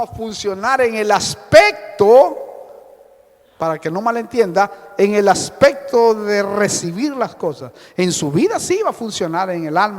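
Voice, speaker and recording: A man preaching a sermon as pastor, impassioned, swinging between loud exhortation and hushed asides. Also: very high voice. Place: church hall. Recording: long reverb with faint music, church hall.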